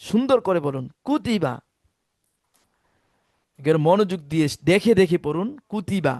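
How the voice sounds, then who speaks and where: A man teaching Quran reading, drilling syllables slowly and asking listeners to repeat each one after him. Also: high voice, animated, a little mellow, dry recording, clean studio sound. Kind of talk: Quran spelling lesson with repetition drills.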